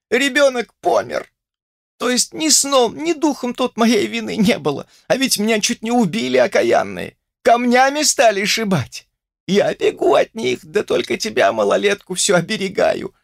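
A man's voice: very high-pitched, vocal fry, a bit bright, no room sound, clean studio sound, pitched above the performer's own voice, heavily acted. A man reading an audiobook voices a complaining old village woman who mumbles toothlessly and curses her neighbours. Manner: toothless mumble, lamenting and cursing.

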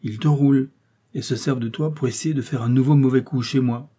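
A man's voice: mid-range voice, steady tone, fairly quick, dark tone, slightly rough, lightly acted. A man reading a curt, commanding detective. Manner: curt, authoritative questioning. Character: sharp, commanding male detective. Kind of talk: audiobook character reading.

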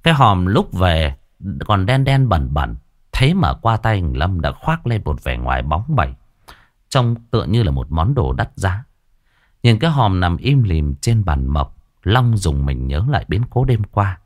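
A man telling a ghost story. His low voice swings widely, rising and falling with the drama of each scene. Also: very animated, measured pace.

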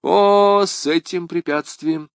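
A man's voice: high voice, takes it slowly, creaky, no room sound, studio quality, pitched above the performer's own voice, heavily acted. A man voicing D'Artagnan, a proud, lovestruck young swordsman, speaking eagerly and exclaiming often in an audiobook reading. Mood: ardent.

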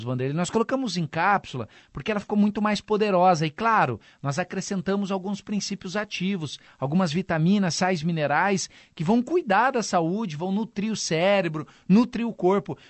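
A Brazilian man giving a conversational, salesman-like radio infomercial pitch, often turning to his co-host. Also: lively intonation, fairly quick, few pauses, no echo. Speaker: supplement pitchman.

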